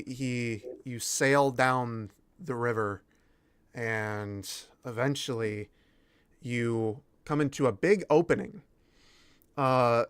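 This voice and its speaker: A man narrating a tabletop game as game master, improvising haltingly with pauses mid-phrase. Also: medium pitch, clear, resonant tone, no room sound.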